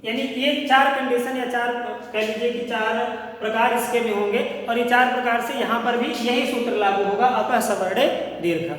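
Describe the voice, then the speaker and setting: A man's voice: very high voice, fairly even intonation, moderate pace, a bit bright. Male teacher, patient step-by-step lesson, recorded far off in a very echoey room. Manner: explains step by step, keeps checking in with "ठीक" and questions to pupils. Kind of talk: Hindi grammar lesson.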